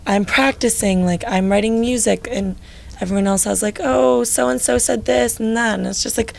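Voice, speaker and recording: A late-teen woman who fronts a band chats casually in an interview, peppering her speech with "like." Her voice is low and raspy, a bit mellow, with a steady tone at normal speed.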